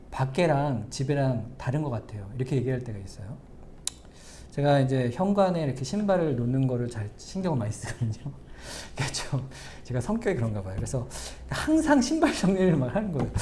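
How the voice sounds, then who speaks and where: A middle-aged man, the pastor, preaching a sermon and speaking straight to the congregation, moving between loud emphatic lines and soft asides. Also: on the high side, slight background noise.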